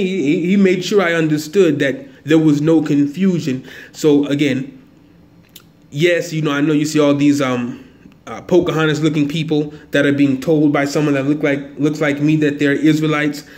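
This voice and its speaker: A man speaks to his viewers in a casual solo video monologue, his voice sitting a little higher than most men's. He talks earnestly and with emphasis, often stopping to rephrase and soften what he has just said. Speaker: video blogger.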